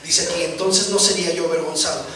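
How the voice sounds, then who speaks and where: A man's voice: fairly high pitch, steady tone, fast talker, pushed and bright. A man preaching a sermon as pastor, stressing points and often adding "¿verdad?" to check on his listeners. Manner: preaching with rising emphasis and frequent "¿verdad?" asides. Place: church hall. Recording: echoey room, distant mic, noisy.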